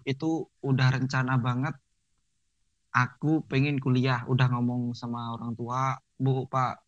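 A man's voice: mid-range voice, little pitch movement, unhurried, dry recording, lo-fi sound. A man in his twenties with a Javanese accent chatting casually as a guest, mixing Jakarta slang with Javanese. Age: 20s. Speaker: podcast guest, barber. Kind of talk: casual chat.

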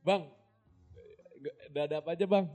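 Young guy cracking puns, mellow dark voice, faint guitar under it. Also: fairly high pitch. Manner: bantering, quick puns, frequent laughter. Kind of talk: casual joking wordplay chat.

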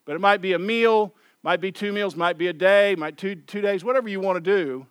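A man's voice: sits high, brisk, clean tone, no echo, studio quality. A man preaching a sermon in a loose, conversational way, often repeating and restarting phrases. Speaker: pastor.

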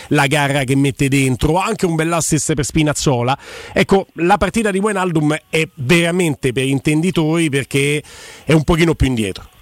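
A man's voice: a little high, dry recording. A man hosting a conversational football talk programme on the radio. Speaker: radio sports host.

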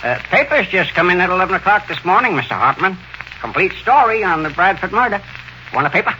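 A man playing an excitable, nosy old hotel clerk with folksy, stammering speech in 1940s radio style. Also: sits high, fast talker, full character voice, rough recording. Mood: eager. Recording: old radio recording, faint noise.

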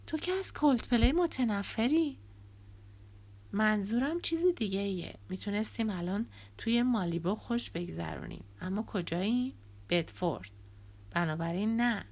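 A woman's voice: mid-range voice, a little mellow. A woman reading an audiobook, voicing a bitter, resentful young man who used to be a drummer and speaks with angry sarcasm.

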